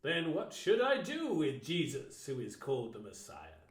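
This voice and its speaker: A man's voice: fairly high pitch, huge pitch swings, normal speed. A man playing a stern Roman governor in a dramatised scripture reading, asking question after question. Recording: roomy echo.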